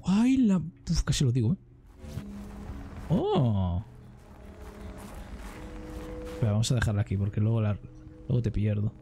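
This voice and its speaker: A man with a Spain Spanish accent giving casual gameplay commentary, excitable and jokey, swearing freely. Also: fairly low pitch, fast, gravelly, faint music behind. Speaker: gaming streamer.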